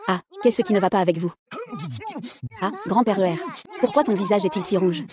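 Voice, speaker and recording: A woman reading out a dubbed drama, giving every character the same even voice. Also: medium pitch, a little fast, crowd noise. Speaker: narrator voicing every character. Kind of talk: fast dubbed drama read-through.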